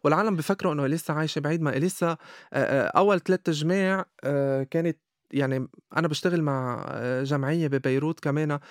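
A man's voice: fairly high pitch, no room sound, studio quality. A man with a Lebanese Arabic accent speaking casually as an interview guest, often stumbling into his words and repeating them. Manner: halting stammered starts, repeating words.

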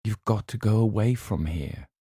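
A man's voice: lowish voice, moderate pace, warm tone, slightly rough, no room sound, clean studio sound, pitched above the performer's own voice. A man voicing a young woman who speaks firmly and patiently. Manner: patient, firm. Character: firm but blunt young woman friend.

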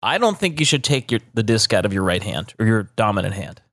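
Talking a little fast with big swings in pitch, a man with a lowish, somewhat bright voice co-hosts a casual podcast. The dry studio-quality audio captures his blunt, heavily profane hot takes and trash talk.

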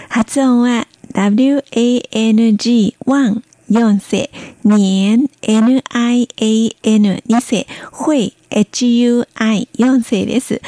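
A woman's voice: on the high side, warm tone, no echo. A woman teaching a Chinese language lesson, patiently spelling out pronunciation and tones step by step. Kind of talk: slow careful language lesson.

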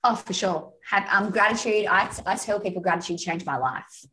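A woman's voice: mid-range voice, moderate pace, rough recording. Chatty Australian woman storyteller. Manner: chatty storyteller, animated, frequent "you know" and "like". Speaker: guest. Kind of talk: casual podcast conversation. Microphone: remote call.

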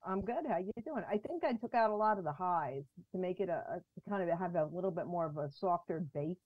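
A woman guest chatting on a video call, her audio muffled and bass-heavy with the highs cut, talking from prepared notes. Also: expressive, a little fast, dry recording. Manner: talks from prepared notes, with small restarts. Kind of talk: casual chat on a video call. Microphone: video call through a mixer.

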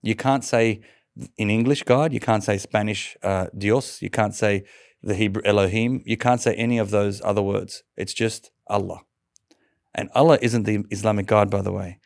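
A man, an interview guest, telling a personal conversion story in a lively way, laughing often and stumbling over restarts. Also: lowish voice, moderate pace, vocal fry, dry recording, clean studio sound.

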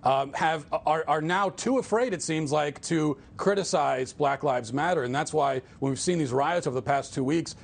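A man with a fairly high, creaky voice speaks as a guest in a political interview. He talks earnestly but haltingly, restarting his sentences again and again.

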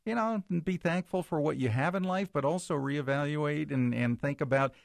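A man's voice: on the high side, moderate pace, vocal fry, no echo, clean studio sound. An older man co-hosting a radio talk show, rambling and repeating words as he starts. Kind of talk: casual radio chat.

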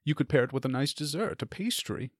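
A man playing a worldly, reassuring adventurer in an improvised tabletop game, measured, mentoring and droll. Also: medium pitch, animated, no echo, clean studio sound, natural voice. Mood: wry, advising. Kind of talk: improvised tabletop role-play.

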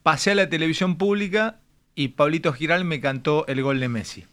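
A middle-aged man with an Argentine accent, hosting a radio show in casual, animated banter. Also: on the high side, brisk. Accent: Argentine Spanish. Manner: animated, breaks into shouted goal celebrations.

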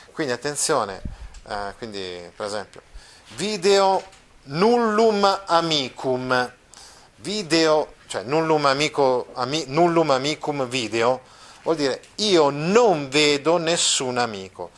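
A man teaching a Latin grammar lesson, reciting word endings one by one and checking that the class follows. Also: medium pitch. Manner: patient, repeats declension forms aloud, checks understanding with "eh?" and "no?".

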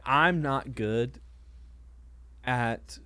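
A man's voice: mid-range voice, drawn-out words, bright, forceful tone, clean tone, no echo. A man who is a pastor, telling a story in casual conversation, hesitant and self-deprecating, with lots of fillers and restarts.

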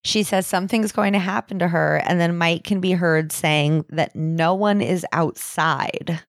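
A woman with a low voice narrates a true-crime case on a podcast. Her delivery is casual and peppered with swearing. The sound is very dry and close, with no room around it. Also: measured pace, no room sound. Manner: casual, swears freely while recounting a case. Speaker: podcast co-host.

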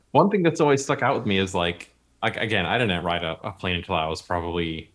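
A man's voice: sits low, expressive, normal speed. A man chatting casually about a movie, rambling and using many fillers.

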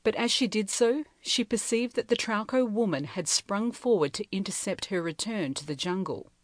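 A woman reading a novel aloud in measured, steady storytelling narration. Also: medium pitch, dry recording. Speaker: audiobook reader.

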